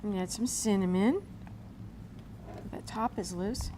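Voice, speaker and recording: A woman's voice: mid-range voice, a little slow, mellow. A woman hosting a casual cooking demonstration, chatting through each step with folksy asides. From Cape Cod, also grew up partly in Berlin in a US military family. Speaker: cooking show host. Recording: noticeable background room noise.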